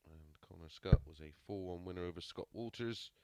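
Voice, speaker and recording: A man's voice: low voice, brisk, mellow, clear, resonant tone, no room sound. A man giving live sports commentary on a darts match.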